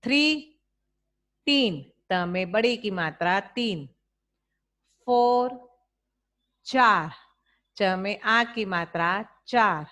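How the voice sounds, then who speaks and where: An Indian woman teacher giving an online lesson to young children, speaking slowly and drawing out each number so they can repeat after her. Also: medium pitch, animated, a bit bright.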